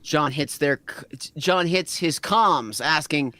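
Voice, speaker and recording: A man reading fanfiction aloud as the narrator, in an animated, amused way. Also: on the high side, takes it slowly, no room sound. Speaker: narrator and reader.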